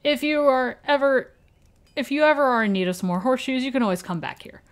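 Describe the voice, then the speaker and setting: A woman voicing a kindly older male village blacksmith in a vague put-on accent, reading game dialogue aloud in a formal, warm way. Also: sits high, fast, voice pushed up, lightly acted. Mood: friendly.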